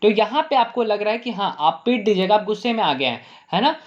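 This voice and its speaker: A male English teacher explaining grammar, asking the class rhetorical questions and repeating "ठीक है?" while saying example sentences slowly. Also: high voice, expressive, lo-fi sound.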